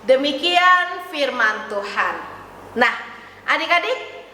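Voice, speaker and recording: Woman pastor, children's Sunday school lesson, slow gentle coaxing, high bright voice, echoey hall. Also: lively intonation, distant mic. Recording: echoey hall, faint noise.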